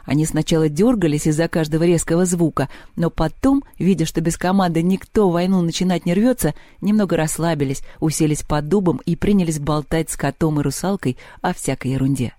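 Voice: mid-range voice, no room sound, studio quality. Чтец аудиокниги, мягкий тёплый тембр, размеренно и выразительно. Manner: measured, expressive reading. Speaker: narrator. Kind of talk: audiobook narration.

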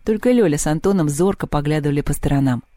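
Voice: medium pitch, dry recording. Чтец аудиокниги, мягкий тёплый тембр, размеренно и выразительно. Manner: measured, expressive reading. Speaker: narrator. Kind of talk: audiobook narration.

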